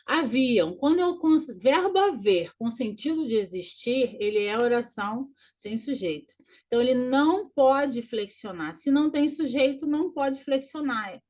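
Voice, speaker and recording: A woman teaching grammar in a recorded lesson, walking through exam answers and slowly repeating key words. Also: on the high side. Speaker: Portuguese teacher.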